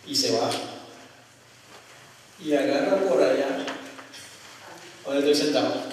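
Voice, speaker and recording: High-voiced preacher in an echoey hall. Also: male voice. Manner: lively, swings between loud and soft. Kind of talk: storytelling sermon addressing the congregation. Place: church hall. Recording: echoey hall, mic far off, faint noise.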